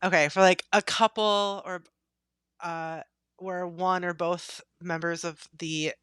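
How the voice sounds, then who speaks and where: Bright, candid woman podcast host. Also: lowish voice, slow pace, clear, resonant tone, dry recording, studio quality. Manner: candid, laughs easily, animated. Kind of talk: casual podcast chat.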